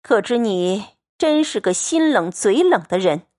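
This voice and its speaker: A woman's voice: mid-range voice, lively intonation, a little slow, warm tone, natural voice. A woman voicing an indignant noble lady of the house who answers with sarcasm. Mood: sarcastic indignant. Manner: offended, sarcastic.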